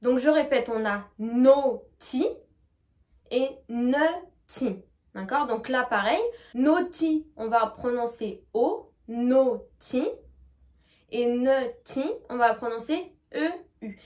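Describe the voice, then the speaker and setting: Femme à la voix aiguë, leçon d'anglais. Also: female voice, a little high. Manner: slow, over-articulated demonstrations of English words. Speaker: English teacher. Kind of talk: pronunciation lesson.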